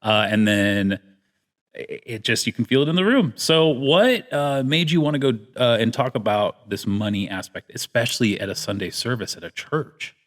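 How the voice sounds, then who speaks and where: A man's voice: medium pitch, expressive, moderate pace. A man hosting a casual church podcast, jokey and playful, often laughing. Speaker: podcast host.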